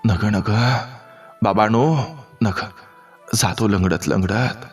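A man's voice: on the low side, breathy edge, faint music behind. Man voicing a frail, hurt old village man. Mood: pained, weary. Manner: slow, weary and pleading.

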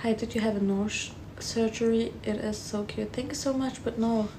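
A woman's voice: on the high side, fairly even intonation, normal speed, noisy background. A woman of twenty-two, born in Afghanistan, chatting casually on a phone livestream, reading out viewer comments and answering them. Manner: chatty, switches between German and English, reads comments aloud and answers. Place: indoor room at home. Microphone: phone held close, front camera.

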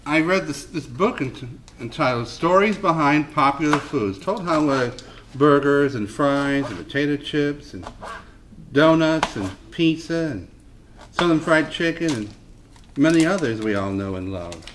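A man's voice: on the high side, lively intonation, measured pace, noisy background. A man co-hosting a comedy cooking show, offering dry, earnest trivia between jokes in a kitchen. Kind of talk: comic banter while cooking.

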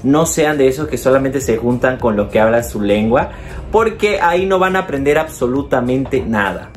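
Faint music plays behind a Bolivian man whose mid-range voice is expressive and paced normally. Speaking with a Bolivian Spanish accent, he hosts a language-tips video, chatting casually and encouragingly to viewers and frequently saying "entonces."

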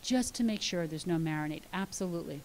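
A middle-aged woman dietitian giving a lively, practical talk to an audience, telling stories and acting out the dialogue with emphasis. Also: fairly low pitch, quick pace, low-quality recording. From United States. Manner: storytelling, acts out dialogue, emphatic. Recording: faint hiss.

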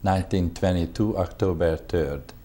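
A man in his seventies from Hungary, speaking English with a Hungarian accent in an oral history interview, halting and polite as he searches for words. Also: low voice, warm tone. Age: 70s. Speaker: veteran interviewee.

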